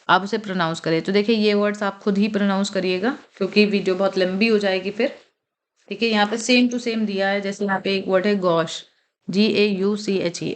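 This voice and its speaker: A woman teaching vocabulary at a patient, unhurried pace. She pronounces English words one by one and repeats them. She keeps checking that the listener is following. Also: medium pitch. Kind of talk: vocabulary lesson.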